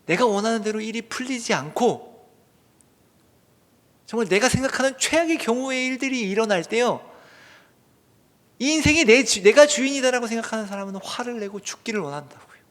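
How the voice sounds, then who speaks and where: A male pastor preaching a sermon earnestly, putting rhetorical questions to the congregation and swinging between loud emphatic bursts and hushed whispers. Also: very high voice, lively intonation, brisk, long pauses. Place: church sanctuary. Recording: long church hall reverb.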